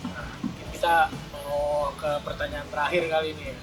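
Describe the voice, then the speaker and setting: Woman host, really low voice, relaxed, music going behind her. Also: moderate pace. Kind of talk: casual interview chat.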